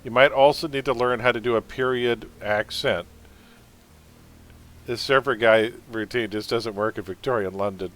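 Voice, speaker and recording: A man's voice: medium pitch, steady tone, normal speed, fairly bright tone. Joking man hosting a stream trivia quiz. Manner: joking, sarcastic asides between questions. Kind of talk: casual livestream quiz hosting.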